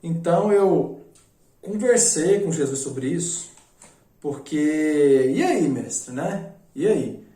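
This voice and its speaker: A man's voice: a little high, expressive, warm tone, reverberant. A man giving an informal spiritual class, chatty and stumbling over his words. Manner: chatty, stumbling, reciting prayers slowly. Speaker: spiritual teacher.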